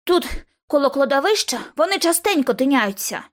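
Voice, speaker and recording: A woman reading an audiobook, voicing a surly, greedy teenage boy watchman who talks shrill and out of breath. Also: sing-song, moderate pace. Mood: wary. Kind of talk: audiobook character voice.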